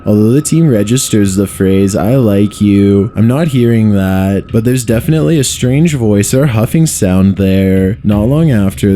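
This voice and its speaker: A man narrating a paranormal countdown video, reading a script at a measured pace and posing spooky questions. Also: on the low side, dark tone, slight background noise.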